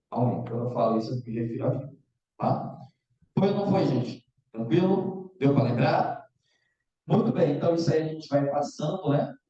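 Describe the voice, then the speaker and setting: A man's voice: mid-range voice, warm tone. A man teaching a math lesson in a casual way, checking in with the students all the time. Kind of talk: online exam-prep lecture. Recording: echoey, distant, dull lo-fi room sound.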